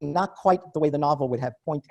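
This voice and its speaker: A man's voice: fairly high pitch, brisk, gravelly. A man hosting a casual film discussion, asking probing, rambling questions.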